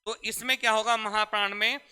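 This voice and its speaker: A man's voice: high voice, level tone, fairly quick, sharp tone, clean tone. A man teaching a classroom grammar lesson, repeatedly asking questions and answering them himself. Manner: repetitive call-and-response questioning. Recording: echoey hall reverb.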